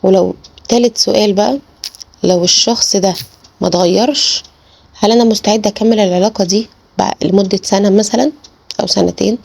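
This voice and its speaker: A woman's voice: mid-range voice, steady tone, a little fast, creaky, pauses often, a little mellow, breathy edge, no room sound. A woman life coach with an Egyptian Arabic accent gives relationship advice straight to the viewer. She talks earnestly and repeats words for emphasis. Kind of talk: direct-to-camera advice talk.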